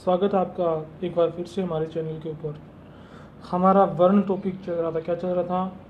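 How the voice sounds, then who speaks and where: A man's voice: sits high, little pitch movement, normal speed, highs cut off, slight background noise. A man teaching a grammar lesson in a classroom style. He keeps asking his listeners questions, answers them himself, and repeats each key point.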